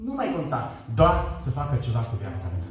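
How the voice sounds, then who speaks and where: A man's voice: a little high, very animated, slight background noise. A middle-aged man giving an emotional testimony sermon in a church hall, acting out his own dialogues with God as his voice swells and drops. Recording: echoey hall from far off.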